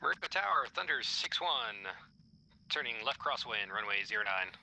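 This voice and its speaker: A man's voice: mid-range voice, very animated, moderate pace. A man making procedural, clipped aviation radio calls as a helicopter pilot in a military simulation game. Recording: clearly noisy vehicle background.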